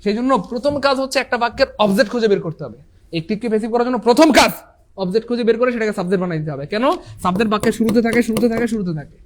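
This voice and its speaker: A tired man runs an online English class, repeating each rule several times with emphasis. His voice sits high and his words come quickly. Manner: repetitive, emphatic, addresses students as brothers and sisters. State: tired after a long class. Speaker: English teacher. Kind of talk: online exam-prep class.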